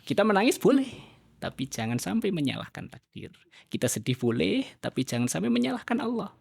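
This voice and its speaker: A man, an Islamic teacher, speaking as a guest on a podcast and explaining his views in an animated way. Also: sits high, brisk, creaky, slightly rough, no echo, clean studio sound. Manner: animated, acts out quoted dialogue in a raised voice. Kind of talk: podcast conversation.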